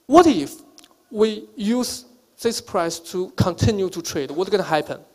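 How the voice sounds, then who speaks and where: A man speaking as a company representative, giving an unscripted explanation with halting, non-fluent phrasing. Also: sits high.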